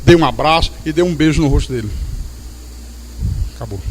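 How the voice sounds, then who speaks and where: A male pastor preaching a sermon in church, reading scripture slowly and drawn out, then telling anecdotes quickly. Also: fairly high pitch, lively intonation, slight background noise. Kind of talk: sermon with storytelling. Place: church service.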